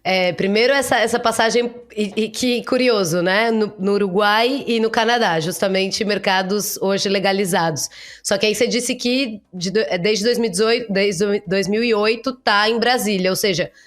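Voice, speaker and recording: A woman's voice: mid-range voice, moderate pace. A woman hosting a podcast interview, greeting the audience with enthusiasm and asking eager questions. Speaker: podcast host.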